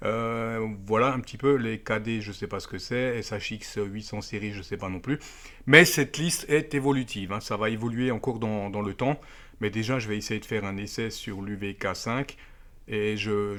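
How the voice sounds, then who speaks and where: A man with a lowish, sharp-toned voice speaks at a moderate pace as he presents a gadget for an amateur radio video. The demo is casual and hands-on, laid out step by step, with tag words cropping up often.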